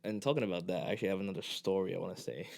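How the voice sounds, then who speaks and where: A young man co-hosts a podcast, chatting casually and telling stories while laughing often. He talks in rapid-fire bursts with a low, darkish voice full of vocal fry.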